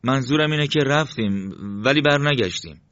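A man doing an evasive, hurried young man. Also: medium pitch, a bit bright, no room sound, highs cut off, voice pushed up, lightly acted. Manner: evasive, urging.

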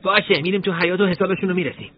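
Man voicing a hushed young teen fighter. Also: high voice. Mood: determined. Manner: urgent hushed talk. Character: young male teen fighter defending a city. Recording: tinny phone-like lo-fi audio.

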